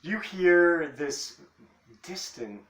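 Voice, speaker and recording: A man running a tabletop game as dungeon master, narrating in a halting, rambling way. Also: fairly high pitch, expressive, fairly bright tone. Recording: echoey room, faint noise.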